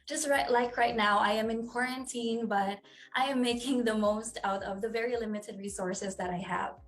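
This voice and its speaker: A woman's voice: on the high side, steady tone, normal speed. A woman in her twenties with a Filipino accent, giving poised, earnest pageant answers in formal phrasing. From Philippines. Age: 20s. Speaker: pageant contestant.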